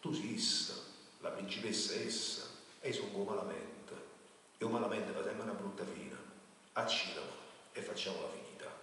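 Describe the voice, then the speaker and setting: A man's voice: on the low side, normal speed, bright, forceful tone, slight background noise. A man doing a wise resigned dragon. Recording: echoey hall, voice from far.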